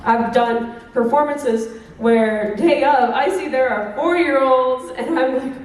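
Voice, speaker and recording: A young woman in her twenties with a high voice teases her audience through a convention workshop talk and calls them babes. She stands far from the microphone. The room around her is very echoey. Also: slow pace. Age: 20s. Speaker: cosplay guest and workshop presenter.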